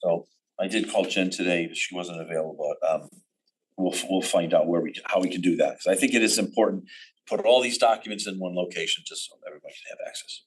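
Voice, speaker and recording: A man chairing a town commission meeting, reading public comments with many pauses and filler words. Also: low voice, husky, low-quality recording. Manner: halting, many ums and restarts.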